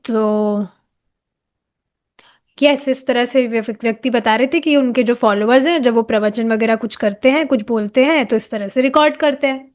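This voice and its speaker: A woman's voice: on the high side, normal speed. A woman explaining a devotional book to a class in a conversational way, slipping in English phrases and asking her listeners rhetorical questions.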